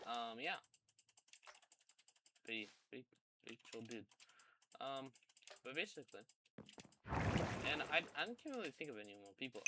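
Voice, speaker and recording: Rambling guy over loud typing. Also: mid-range voice, very noisy. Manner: rambling and hesitant, many ums and repeated words. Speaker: gamer telling a story. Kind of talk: casual storytime. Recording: loud keyboard typing and clicks behind.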